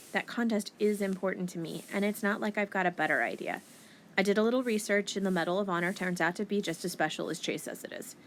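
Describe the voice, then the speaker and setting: Expressive woman narrating an audiobook. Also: medium pitch, slight background noise. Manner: expressive, wry teenage-girl narration. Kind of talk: first-person audiobook narration.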